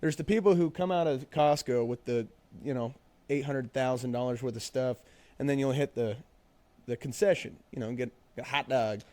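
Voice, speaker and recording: A man's voice: mid-range voice, moderate pace, darkish tone, dry recording. Casting: young man, loose rambling podcast host, swears freely, leans on filler words. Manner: rambling, profane, full of fillers. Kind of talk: casual chat.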